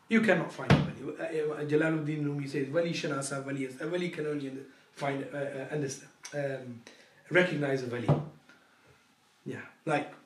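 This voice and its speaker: A man's voice: fairly high pitch, a bit bright, slight background noise. A man giving a Quran lecture as a teacher, joking and telling stories with quoted dialogue. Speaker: Islamic teacher. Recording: echoey room, voice far from the mic.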